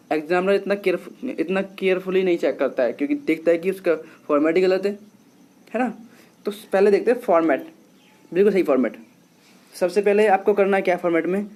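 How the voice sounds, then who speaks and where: High-voiced teacher, patient. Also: male voice, darkish tone. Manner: patient, repetitive, addresses students as children. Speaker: English teacher. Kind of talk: classroom lesson, explaining.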